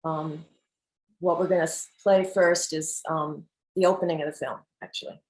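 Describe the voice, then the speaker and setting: A woman filmmaker introducing clips from her documentary on a video call, pausing often with fillers. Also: low voice, steady tone, darkish tone, rough recording. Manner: hesitant, many fillers. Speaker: filmmaker presenting her work. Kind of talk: hesitant art-talk presentation.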